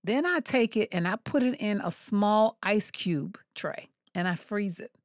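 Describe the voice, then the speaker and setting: A woman's voice: mid-range voice, expressive, unhurried, no room sound, studio quality. A woman co-hosting a casual food and health chat like a cooking show host, folksy, playful and emphatic, speaking straight to the audience. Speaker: podcast co-host.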